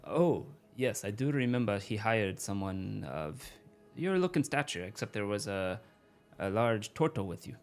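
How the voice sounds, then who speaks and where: A man's voice: on the low side, animated, moderate pace, few pauses, soft background music. A man voicing a wary, guarded female gang member with formal, clipped phrasing in a tabletop game.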